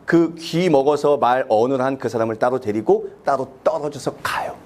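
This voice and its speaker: A man's voice: medium pitch, a little mellow. A man from South Korea, a pastor preaching a sermon in church, asking the congregation questions and acting out prayers. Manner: acts out quoted prayers in a raised, slowed voice. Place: church sanctuary.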